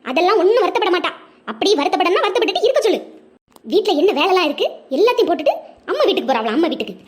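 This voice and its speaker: A woman's voice: very high-pitched, sing-song, racing. A woman voicing a nagging older mother-in-law in a cartoon, scolding in a Tirunelveli Tamil accent. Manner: scolding, bossy. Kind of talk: cartoon voice acting.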